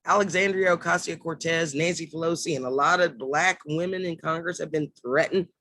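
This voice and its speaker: A man's voice: fairly high pitch, brisk, dry recording. A man giving a heated political monologue, swearing and acting out quotes as he goes. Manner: heated, swears, acts out quotes in lively asides. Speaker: political commentator.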